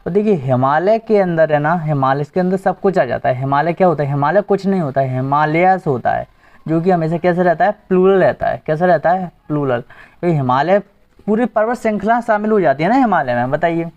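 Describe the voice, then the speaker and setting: A man's voice: on the high side, expressive, a little fast. A male teacher giving an exam-prep grammar lesson, asking the class questions and repeating the answers. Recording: dull lo-fi recording.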